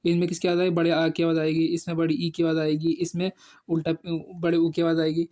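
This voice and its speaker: Man, Pakistani Urdu accent, Quran reading teacher, patient syllable drill, level monotone delivery. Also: fairly high pitch. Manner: patient drill, slow drawn-out syllables, quick explanations. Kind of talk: spelling out and blending syllables for learners.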